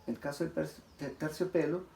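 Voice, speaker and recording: A man, giving a classroom lecture. He often checks in with his listeners and stretches example words out slowly, syllable by syllable. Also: a little high, fairly even intonation, vocal fry, dark tone. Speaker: teacher. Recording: echoey room, faint background noise.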